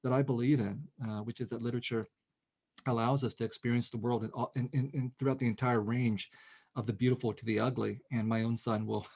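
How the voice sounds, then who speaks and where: A middle-aged man speaks quickly and in bursts, often restarting his sentences as he goes. He is an author in a relaxed conversation, heard over a video call. His pitch sits in an ordinary middle range. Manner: animated, quick, with many restarts. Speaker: author guest. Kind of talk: casual conversation.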